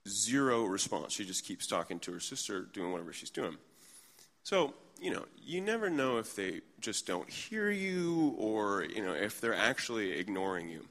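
Bright-voiced pastor preaching in a reverberant hall. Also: male voice, lowish voice, moderate pace. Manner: conversational, humorous, animated when telling stories. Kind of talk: sermon with storytelling. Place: church in New York.

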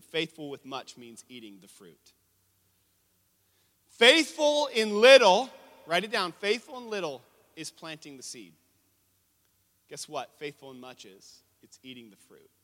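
Bright-voiced preaching man. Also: medium pitch, moderate pace. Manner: animated preaching, asks the congregation questions. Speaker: pastor. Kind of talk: sermon.

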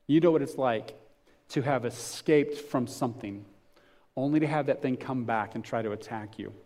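A man's voice: mid-range voice, moderate pace, darkish tone. A man preaching a sermon as pastor, talking conversationally, with rhetorical questions and frequent restarts.

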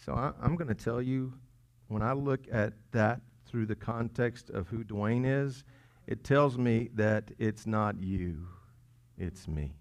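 A man preaching a sermon as pastor, conversational and playful, with quiet asides between loud, emphatic lines. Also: on the low side, takes it slowly. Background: congregation chuckling.

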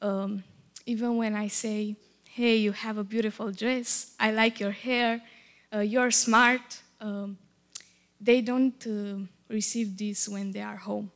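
A woman whose first language is Romanian gives a personal testimony in accented, careful English. She speaks slowly at a middling pitch, halting as she searches for each word. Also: steady tone. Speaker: church ministry worker.

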